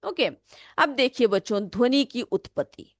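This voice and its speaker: A woman teacher explains a science lesson to children, posing questions and answering them herself. Her voice sits a little high for a woman. It is recorded close and dry, with almost no room sound. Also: expressive, moderate pace, dry recording. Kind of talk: classroom lesson, explaining a simulation.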